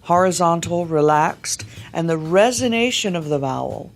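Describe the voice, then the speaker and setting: Coach, mid-pitched voice, precise teaching delivery with slowly demonstrated vowels. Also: animated, faint music behind. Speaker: dialect coach. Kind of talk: instructional coaching with demonstrated sounds.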